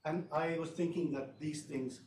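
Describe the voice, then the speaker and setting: A man in the audience of a panel, asking a measured question with hesitant fillers. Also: on the high side, steady tone, noisy background. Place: large lecture room. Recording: echoey lecture hall, distant mic.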